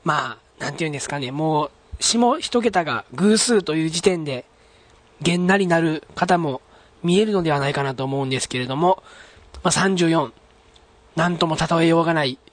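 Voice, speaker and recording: A man's voice: on the high side, dry recording. Chatty Japanese man hosting a solo podcast. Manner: polite, chatty, many fillers. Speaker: podcast host. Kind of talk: casual solo podcast, reading a listener letter.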